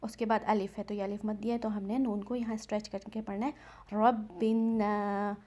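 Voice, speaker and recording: A woman teaching Quran recitation, patiently explaining each rule and stretching out example words slowly. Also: medium pitch, darkish tone. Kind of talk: step-by-step recitation lesson.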